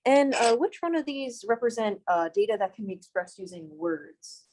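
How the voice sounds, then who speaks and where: A woman's voice: mid-range voice, animated, normal speed, darkish tone, poor audio. A young woman lecturing a math class in a classroom, casual and self-deprecating, often asking the students questions. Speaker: math instructor.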